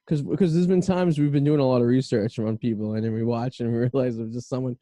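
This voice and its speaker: Mellow, dry-sounding male podcast host. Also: medium pitch, fairly even intonation, quick pace, no echo. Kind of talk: casual banter and interviewing.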